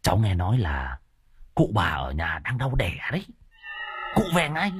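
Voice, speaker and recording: A man's voice: very animated, a little slow, fairly bright tone, slightly rough, heavily acted. A man voicing a mischievous old village man, teasing and cackling in a raised voice. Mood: sly teasing. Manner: cackling, teasing, high-pitched.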